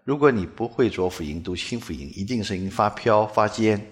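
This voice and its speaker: Lively low-voiced male pronunciation teacher. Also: a little fast. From China. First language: Mandarin Chinese. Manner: lively, demonstrates sounds by exaggerated repetition. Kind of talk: spoken lesson with demonstrations.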